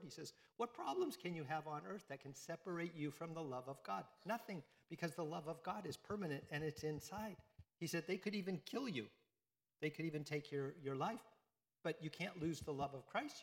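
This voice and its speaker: A man's voice: a little high, vocal fry, big-room sound. A man giving a conversational sermon to a congregation, often repeating phrases and asking them questions. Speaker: priest. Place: church.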